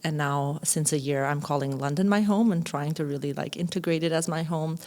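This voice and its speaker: A woman in her thirties with an Albanian accent and a notably low voice. As a podcast guest she talks about her life in a reflective way. She pauses often and searches for words. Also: a little mellow. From Kosovo. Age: 30s. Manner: thoughtful, hesitant with many fillers. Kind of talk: reflective interview talk.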